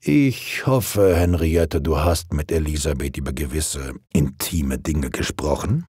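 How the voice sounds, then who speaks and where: A man voicing a stern, proper father who lectures his daughter in a strict, measured way. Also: rumbling low, darkish tone, breathy edge, no room sound, clean studio sound, pitched below the performer's own voice, heavily acted.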